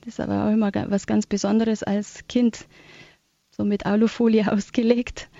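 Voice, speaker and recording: Woman, gentle reading voice, dry close sound, mellow tone. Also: medium pitch, flat delivery, moderate pace, vocal fry, no echo, lo-fi sound. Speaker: guest reading a Christmas story. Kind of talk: conversational chat, then read-aloud storytelling.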